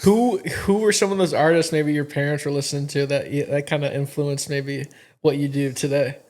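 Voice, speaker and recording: Higher-voiced podcast host from Michigan. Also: male voice, fairly even intonation, darkish tone. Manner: encouraging, quick interjections. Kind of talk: casual interview chat. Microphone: podcast studio mic.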